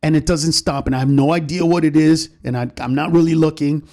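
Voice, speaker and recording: A middle-aged male comedian, a podcast guest, telling a story in a rapid, profane way and acting out the voices in it. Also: fairly high pitch, fairly even intonation, a little mellow. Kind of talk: animated storytelling in a podcast chat.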